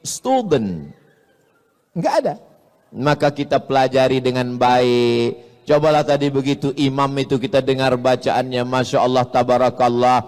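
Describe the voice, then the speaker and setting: A man's voice: medium pitch, little pitch movement, moderate pace, darkish tone, in a large hall. A man preaching to a crowd in a joking, teasing way, with a flair for mimicking voices. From Indonesia. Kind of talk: humorous sermon to a large audience.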